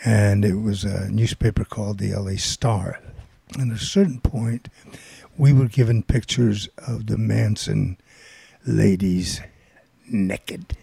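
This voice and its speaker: An older man spins a loose, rambling story in a gravelly, husky voice. His tone is dark and mellow, and the recording is dry and close, with no room sound. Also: lowish voice, slow pace, dry recording. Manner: rambling, filler-heavy storytelling. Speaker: guest storyteller. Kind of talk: casual anecdote.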